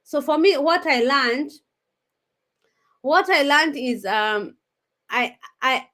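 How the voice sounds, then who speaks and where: A Kenyan woman in her thirties hosts a casual live stream, chatting straight to her viewers and restarting her sentences often. Her voice is high, bright and pushed, and she speaks at a slow pace.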